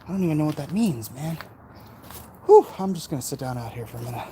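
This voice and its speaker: Fast, animated and warm, with a voice on the high side, an American vlogger chats off the cuff to his viewers. He reads and replies to their comments on a live stream from his backyard, sounding casual, opinionated and emphatic. The outdoor audio carries noisy urban ambience and traffic.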